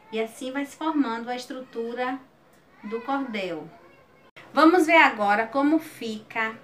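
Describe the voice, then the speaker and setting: Young woman teacher, high and slow, clear explanations, sing-song verse recitation. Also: a bit bright. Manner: explains slowly, then recites rhymed verse with a lilting rise. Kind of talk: recorded video lesson with recited verse.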